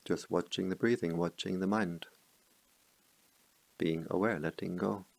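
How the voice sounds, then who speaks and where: A middle-aged meditation teacher guides a meditation slowly, calmly, and softly, leaving long pauses between phrases. His very low voice has a gravelly texture, and he chants Pali verses in a low murmur. The recording sound is close and dry, with no room echo.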